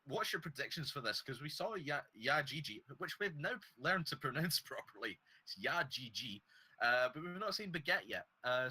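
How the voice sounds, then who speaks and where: Chatty man with a very bright voice. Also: mid-range voice, low-quality recording. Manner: relaxed, chatty, many fillers. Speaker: esports co-caster. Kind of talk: esports color commentary.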